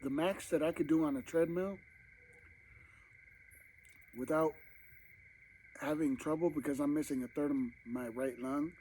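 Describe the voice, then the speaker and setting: A man's voice: a little high, fairly even intonation, measured pace, long pauses, a little mellow, a little hiss or hum, low-quality recording. A man vlogging casually to camera while eating, rambling and talking with his mouth full, at home at night. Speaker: mukbang vlogger.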